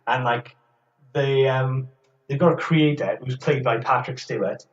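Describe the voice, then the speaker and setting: A man's voice: medium pitch, measured pace. A man co-hosting a podcast, chatting casually and rambling with hesitant restarts. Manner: rambling, hesitant, laughs often. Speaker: podcast co-host. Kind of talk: casual chat. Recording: roomy, distant, dull lo-fi sound.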